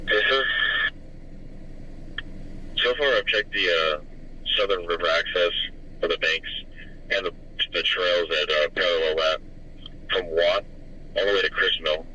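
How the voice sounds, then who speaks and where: A man talks over a police radio, clipped and matter-of-fact with halting fillers. His low voice has a sharp, bright edge. The transmission is muffled and dull, with a faint hiss under it. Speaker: police officer. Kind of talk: radio traffic.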